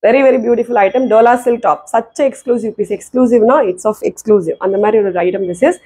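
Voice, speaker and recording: A woman's voice: on the high side, very fast, a little mellow, breathy edge. A middle-aged woman with a Tamil accent presents products informally in repetitive, emphatic sales patter, mixing languages, on a lapel mic in a small room. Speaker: clothing seller presenting products. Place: small tiled indoor room. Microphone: clip-on lapel mic.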